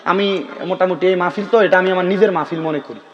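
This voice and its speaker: A preacher, a man pitched noticeably high for his sex, delivers a sermon to a gathering. He chats and teases, then prods the crowd to answer aloud. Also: fast, lo-fi sound. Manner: chatty, bantering, calls out to the crowd for responses. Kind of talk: Islamic sermon (waz) to a gathering.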